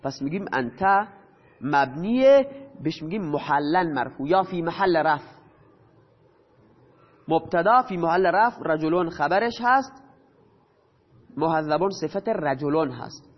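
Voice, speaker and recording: A high-pitched man teaching a grammar lesson, putting questions to his class and answering them himself. The recording is dull and lo-fi, with a long reverb trailing his words. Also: animated, pauses often. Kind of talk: explaining grammar to students.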